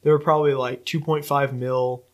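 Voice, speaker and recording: A man's voice: mid-range voice, flat delivery, moderate pace. Rambling male podcast co-host. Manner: rambling storyteller, many restarts. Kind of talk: casual chat.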